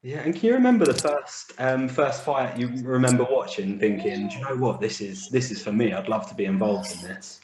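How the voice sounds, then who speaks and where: A man's voice: medium pitch, animated, fairly quick, few pauses, darkish tone, echoey room. A British man hosting an interview, asking chatty questions. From United Kingdom. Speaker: interview host. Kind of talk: casual podcast interview.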